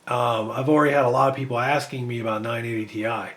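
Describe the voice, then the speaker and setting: A man's voice: medium pitch, steady tone, quick pace, fairly bright tone. A man losing his voice, giving casual rambling commentary while he benchmarks PC games. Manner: rambling, thinking aloud with fillers. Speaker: PC gaming benchmark creator.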